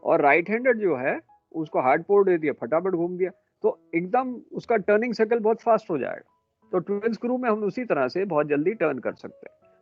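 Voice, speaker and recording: Faint music sits beneath a dull, muffled recording of a man lecturing on ships. He quizzes and corrects the class in a brisk, scolding way, his somewhat high voice close and dry with no echo.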